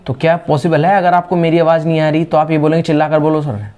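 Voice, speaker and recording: A man with an Indian accent teaching spoken English, explaining patiently and repeating example phrases slowly. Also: a little high, flat delivery, darkish tone.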